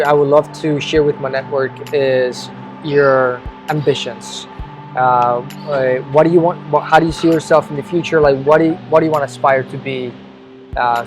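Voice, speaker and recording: A medium-pitched male interviewer speaks a little quickly over background music. Opening a video with a casual interview, he keeps an encouraging, upbeat tone and often begins his questions again.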